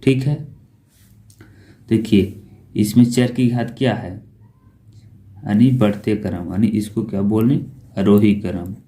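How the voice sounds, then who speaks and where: Math teacher guy, slow and mellow, keeps asking then answering himself. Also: lowish voice, steady tone. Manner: asks questions and answers them himself, repeats key terms. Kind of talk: classroom-style lesson explanation.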